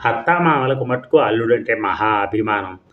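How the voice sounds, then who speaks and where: A man narrating a short story for an audio story channel in a calm, steady way. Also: mid-range voice, normal speed, narrow, tinny audio.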